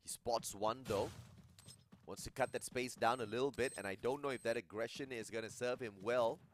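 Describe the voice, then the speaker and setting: A man calling live esports play-by-play as an excitable commentator. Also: mid-range voice, normal speed, a little hiss or hum. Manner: excitable, bursting into yells at big plays.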